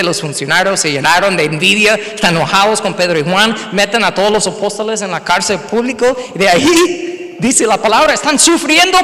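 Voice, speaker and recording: A man preaching a sermon and telling a lively personal story, slipping words in among his phrases. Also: high voice, in a large hall. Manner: animated storytelling, mixing in English words. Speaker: pastor.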